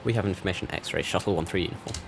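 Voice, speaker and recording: A man's voice: low-pitched, racing, vocal fry, heavy background noise. A man doing clipped, procedural pilot radio readbacks as if over a cockpit headset. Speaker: flight sim tutorial host. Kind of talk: ATC radio phraseology readbacks.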